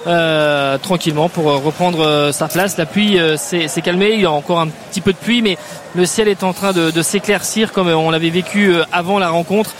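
A man reporting live from inside a stadium, unhurried and descriptive, with frequent fillers. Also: on the high side, steady tone, a bit bright, slight background noise. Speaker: pitchside reporter. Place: stadium outdoors.

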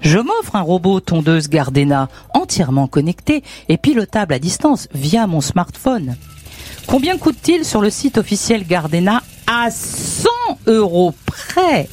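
A woman's voice: on the low side, sing-song, a little slow, darkish tone, slightly rough. A woman hosting a radio game show, chatty and playful, teasing her caller and co-host.

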